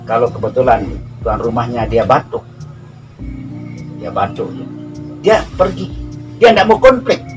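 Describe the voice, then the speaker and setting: A man's voice: mid-range voice, a little slow, pauses often, music in the background. Man telling a story from a distant mic. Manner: acts out family quarrels in lively voices. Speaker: speaker explaining a local custom. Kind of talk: informal explanatory storytelling.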